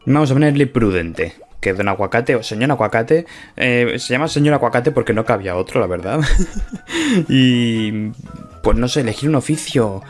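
A man with a Spain Spanish accent and an animated, mid-range voice hosts a casual gameplay video at normal speed. Chatty and playful as a let's-play host, he laughs often, with faint music behind him.

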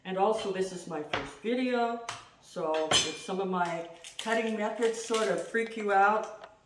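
A middle-aged woman chatting casually as she demonstrates a recipe at home, self-deprecating and quick to laugh. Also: medium pitch. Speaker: home cooking host. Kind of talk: casual cooking demo. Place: home kitchen, indoors. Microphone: far camera. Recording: roomy, distant, noisy.

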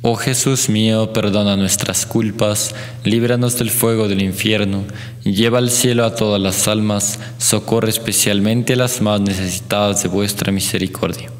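A man with an Ecuadorian accent leading a recited rosary in a chapel, in a measured, even chant. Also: lowish voice. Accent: Ecuadorian Spanish. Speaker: prayer leader. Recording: long chapel reverb.

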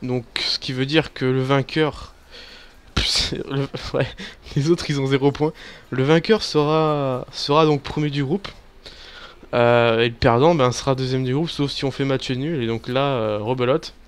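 A man giving casual, excitable commentary over a football video game, swearing and cheering at his players. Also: medium pitch, unhurried, clear, resonant tone. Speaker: gaming YouTuber. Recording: faint background music.

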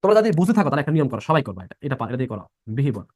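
A man's voice: medium pitch, very animated, rapid-fire, a little mellow, no room sound, clean studio sound. A young man teaching a live online class. He repeats each rule and keeps quizzing his students with questions. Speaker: admission-prep teacher.

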